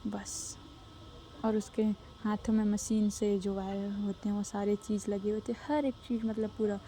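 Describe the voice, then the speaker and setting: A woman's voice: medium pitch, mellow, slight background noise. A woman narrating a love story casually and conversationally, slipping English words in.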